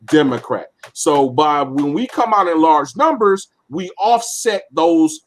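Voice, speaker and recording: A man's voice: fairly high pitch, animated, unhurried. A man co-hosting a casual political discussion, explaining definitions and voting step by step with many fillers. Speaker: podcast co-host.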